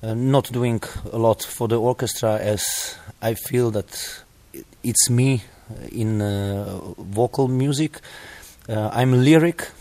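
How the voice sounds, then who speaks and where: Slovenian-accented man, middle-aged, composer being interviewed; slow, lowish, hesitant delivery. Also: warm tone, dry recording. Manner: halting, with many pauses and fillers. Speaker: composer and music teacher. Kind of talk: interview answer.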